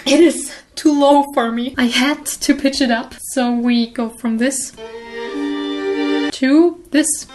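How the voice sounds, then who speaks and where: A woman animator giving a casual voice-over walkthrough of her work, chatty and self-deprecating with quick laughs. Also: high voice, steady tone, darkish tone, soft background music. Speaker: animator and video creator.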